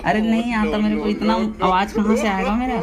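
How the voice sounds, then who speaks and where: A man's voice: sits high, flat delivery, a little fast, a loud crowd. A young man doing a comic phone prank in public, boasting and laughing as he talks into the phone. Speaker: prankster making fake phone calls.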